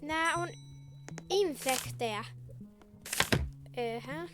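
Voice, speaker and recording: A young female host giving casual, chatty gameplay commentary and thinking aloud, her voice going hoarse and clearing her throat often. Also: high voice. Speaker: gaming video host. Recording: loud game music behind. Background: loud game music.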